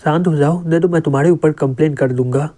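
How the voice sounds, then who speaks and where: A rude, arrogant young male passenger who scoffs at everyone around him, read out by a man. The voice is a touch high and warm in tone. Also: fast, lightly acted.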